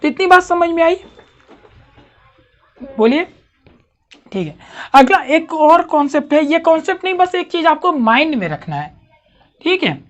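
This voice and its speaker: A woman's voice: sits high, sing-song, measured pace, long pauses. A woman teaching a grammar lesson to a class, asking questions and checking understanding often.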